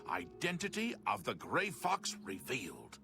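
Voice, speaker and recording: A man's voice: medium pitch, huge pitch swings, measured pace, gravelly, pushed and bright, soft background music, heavily acted. An actor playing a curt, matter-of-fact male townsperson in a fantasy video game.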